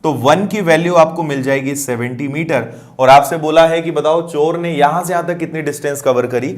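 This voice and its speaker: Man teaching maths step by step. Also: medium pitch. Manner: explanatory, checks understanding with questions. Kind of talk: explaining math problems on a board.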